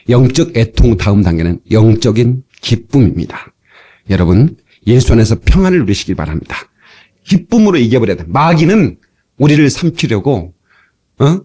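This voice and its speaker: A middle-aged male pastor preaching a sermon from an old cassette tape, animated and playful, acting out lively quoted dialogue. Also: mid-range voice, breathy edge.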